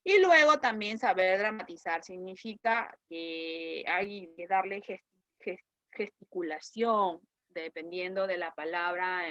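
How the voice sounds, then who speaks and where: Explaining a lesson online, a woman teacher with a Peruvian Spanish accent stops to ask her students questions and check with "¿correcto?". Her voice is mid-range and a bit bright, with no room sound.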